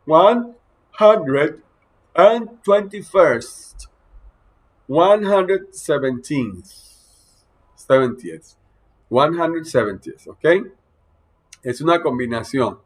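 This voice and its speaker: Slow-spoken man teaching English. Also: fairly high pitch. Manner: counts slowly and drills English words between explanations; addresses the listener directly. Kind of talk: slow, explanatory language lesson.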